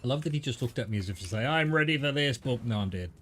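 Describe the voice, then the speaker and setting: A man's voice: lowish voice, lively intonation, rapid-fire, a little hiss or hum. A man gives casual gameplay commentary in a wry, sweary way, talking back to the game. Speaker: gamer commentating on own play.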